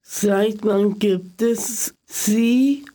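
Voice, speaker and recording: A woman's voice: mid-range voice, extremely slow, dark tone. A woman hosting her own radio show, introducing guests and asking short questions. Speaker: show host. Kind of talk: radio interview.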